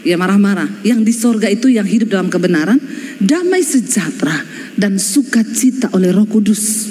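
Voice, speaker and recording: A woman pastor delivers a lively sermon in with a lilt. She is emphatic and earnest, with flashes of down-to-earth humor. Her voice rings out with a long reverb tail, as in a large church hall. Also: mid-range voice, moderate pace.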